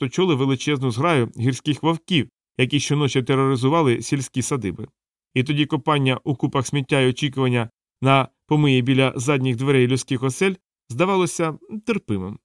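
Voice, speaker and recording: A man reads a novel aloud as an audiobook narrator in a measured, storytelling way. His voice sits at a middle pitch. The recording is dry, with no room sound. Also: dry recording.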